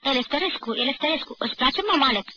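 A man's voice: very high voice, expressive, pitched above the performer's own voice, full character voice. A woman putting on a brash, swaggering male student. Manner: loud, chummy, swaggering. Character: brash burly male student, boastful, overfamiliar. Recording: dull old radio archive recording.

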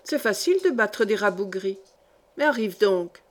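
A woman's voice: mid-range voice, expressive, moderate pace, natural voice. A woman reading the part of a quarrelsome, boastful village man who talks with scorn and bluster, in an audiobook. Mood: scornful.

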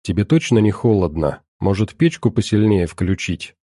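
A man voicing a young mother who speaks softly and gently to her daughter. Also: lowish voice, expressive, normal speed, dry recording, clean studio sound. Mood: gentle.

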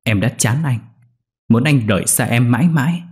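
A man's voice: medium pitch, normal speed, slightly rough, voice pushed up. A man voicing a timid young male servant who stammers as he speaks. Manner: trembling, stammering.

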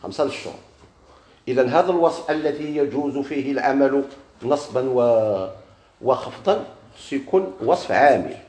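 In an echoey classroom, a Moroccan Arabic-accented man leads a grammar lesson, posing questions to students and answering them himself. His medium-pitched voice is animated, brisk and darkish in tone.

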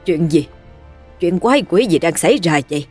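A woman's voice: fairly low pitch, animated, moderate pace, darkish tone, husky, faint music behind. A woman voicing an old male villain sorcerer, agitated and gloating as he speaks. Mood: alarmed.

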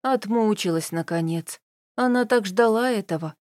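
A woman reading an audiobook and voicing a kindly, sympathetic townswoman who speaks gently. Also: mid-range voice, moderate pace, dry recording, clean studio sound, lightly acted. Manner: gentle, soothing.

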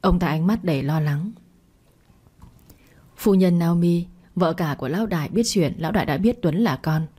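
Female narrator, low mellow husky read, one plain voice for every part. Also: normal speed. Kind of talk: storytelling narration.

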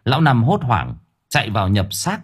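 A man narrating a ghost story audiobook in a vivid, expressive way. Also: medium pitch, moderate pace, slightly rough.

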